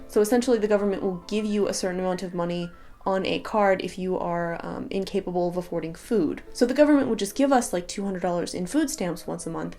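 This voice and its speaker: A woman's voice: medium pitch, mellow. A young woman talking to camera in a personal vlog, earnest and rambling, tearful at times. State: crying at times. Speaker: YouTuber.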